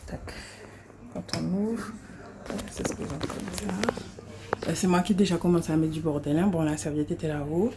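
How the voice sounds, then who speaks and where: A woman's voice: fairly low pitch, fairly even intonation, normal speed, long pauses, very noisy. A young woman vlogging casually with a handheld phone in a small apartment, chatting with frequent hesitations and repeated words. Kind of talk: casual self-filmed vlog chat.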